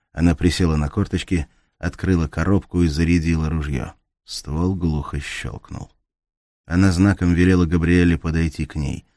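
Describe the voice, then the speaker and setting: Male thriller narrator, bass-low pitch, dry close read. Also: mellow, dry recording. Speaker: audiobook narrator. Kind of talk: scripted narration.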